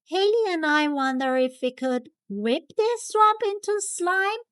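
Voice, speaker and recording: Excitable storybook schoolkid, played by a woman, very high, exaggerated cartoon intonation, dry sound. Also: unhurried, dry recording, exaggerated voice. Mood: excited.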